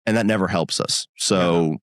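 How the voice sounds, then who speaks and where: A man's voice: sits low, moderate pace, no echo, clean studio sound. A man co-hosting a podcast in casual chat, talking bluntly and with plenty of profanity and restarts. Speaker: podcast co-host.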